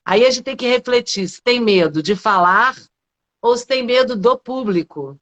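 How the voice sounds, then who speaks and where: A woman's voice: on the high side, animated, moderate pace, a bit bright, lo-fi sound. Brazilian woman posing rhetorical questions. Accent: Brazilian Portuguese. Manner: rhetorical questions, frequent tag questions. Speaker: public speaking coach, guest. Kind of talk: explanatory talk in a live interview.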